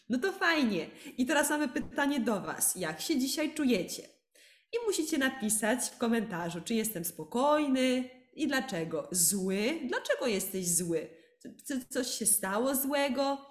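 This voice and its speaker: Female Polish teacher, podcast co-host; slightly high voice, unhurried teaching pace, echoey room. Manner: slow, clear teaching delivery with frequent laughs. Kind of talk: Polish language lesson.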